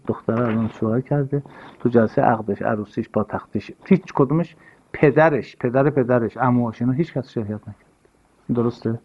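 A man giving an earnest, sermon-style talk, stressing his points and repeating key phrases. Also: mid-range voice. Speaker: religious speaker. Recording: dull lo-fi recording.

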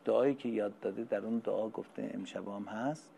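A man preaching a religious sermon, moving from soft, low explanation to loud, emphatic recitation, building repeated lists of phrases and explaining terms word by word. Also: steady tone, gravelly, slight background noise.

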